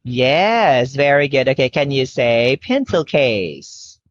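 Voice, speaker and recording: A woman's voice: extremely low pitch, lively intonation, slow. A woman teaching a one-on-one English lesson to a young child, encouraging and modelling simple phrases as if talking to a toddler. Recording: dull, noisy lo-fi class recording.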